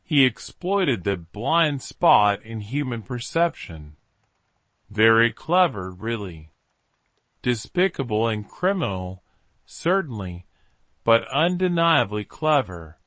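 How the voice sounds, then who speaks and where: Male narrator as self-assured, reflective storybook detective; measured fireside storytelling, slow and expressive. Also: mid-range voice, no echo. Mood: thoughtful. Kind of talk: story dialogue read by narrator.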